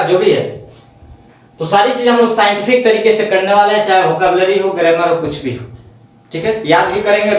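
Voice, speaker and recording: A man teaching English vocabulary and grammar in a Hindi-medium classroom lecture, repeating words and checking in with rhetorical questions. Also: sits high. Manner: repetitive, drills pronunciation, asks rhetorical checks. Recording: echoey room, voice from a distance.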